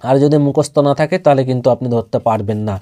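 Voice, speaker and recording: A man teaching Quran reading, slowly spelling out and repeating syllables, then explaining in quick asides. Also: mid-range voice, dark tone. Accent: Bangladeshi Bengali. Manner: repeats each syllable several times for learners. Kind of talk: slow spelled-out recitation lesson.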